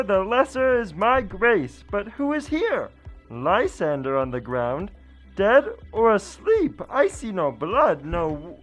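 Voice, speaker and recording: A woman acting a young rejected woman in a home Shakespeare production, with expressive verse delivery. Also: medium pitch, heavily acted. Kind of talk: amateur home Shakespeare performance.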